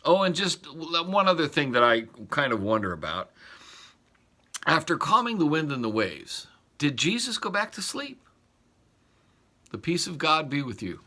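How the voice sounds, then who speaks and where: A man's voice: fairly high pitch, big pitch swings, normal speed, pushed and bright. A man serving as pastor, reading scripture and reflecting on it aloud in a thoughtful, wondering way. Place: church.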